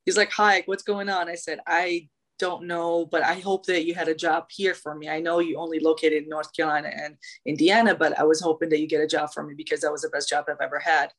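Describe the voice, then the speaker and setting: A young adult Iraqi woman, appearing as an interview guest, tells her story in a chatty, animated way full of fillers and restarts. Her voice is deep and she talks fast.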